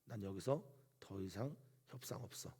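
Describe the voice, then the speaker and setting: A man's voice: on the low side, animated, normal speed, mellow, breathy edge. A man preaching who voices a scornful, stubborn king in a taunting, dismissive way. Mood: mocking.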